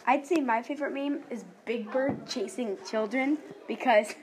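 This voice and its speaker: A woman's voice: a little high, moderate pace. A young girl chatting on a home podcast, talking in loose trailing sentences. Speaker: podcast co-host. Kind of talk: casual chat. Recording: loud background noise.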